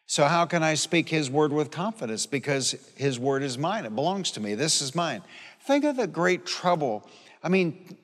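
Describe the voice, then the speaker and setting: This man, aged sixty-seven, has a fairly high voice that swings widely in pitch at a normal speed. As a pastor addressing his congregation in a big hall or church, he delivers a folksy, emphatic sermon, repeating phrases, sharing personal anecdotes and calling for amens. Long hall reverb colours the live recording.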